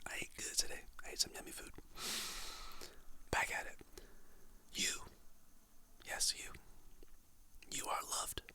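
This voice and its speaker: A content creator whispers motivational quotes and affirmations softly, in a slow and soothing ASMR style. After reading each quote, she names its author.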